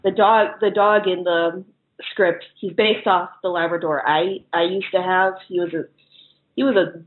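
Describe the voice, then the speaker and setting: A horror filmmaker chats casually as an interview guest, her fairly low voice fairly even in intonation and moderate in pace. She's giggly and laughs often while talking, heard over a thin, narrow, phone-like line.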